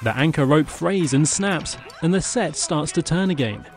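Man narrating action, slightly high voice. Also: expressive, moderate pace, music in the background. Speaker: audio describer. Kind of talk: scripted present-tense narration of stage action.

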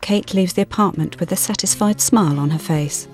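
A woman's voice: lowish voice, fairly quick. A woman giving scripted scene narration as an audio description narrator. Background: music.

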